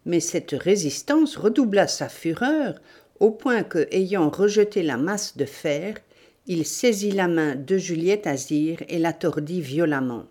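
A woman narrating a novel as an audiobook, in a measured, deliberate reading. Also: on the low side, expressive, darkish tone. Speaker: audiobook reader.

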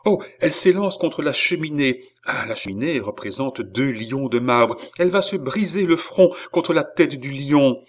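A man's voice: expressive, normal speed, few pauses, lightly acted. A man voicing a young woman in a trance who describes visions urgently and anxiously, in an audiobook reading. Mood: anguished. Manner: high, trembling, urgent visionary telling. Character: young woman, entranced seer, anguished.

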